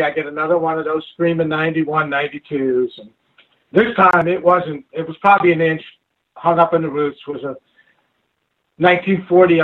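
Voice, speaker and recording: A man calls in on a tinny phone line that keeps breaking up. His voice sits a bit high for a man. He tells his story casually, stopping and restarting his sentences as he goes. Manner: halting, with repeated restarts. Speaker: caller.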